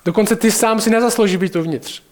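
A man preaching a sermon in a conversational way, addressing listeners directly. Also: high voice.

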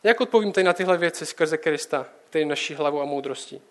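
High-voiced young man preaching casually. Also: fairly bright tone. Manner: conversational, direct address with rhetorical questions.

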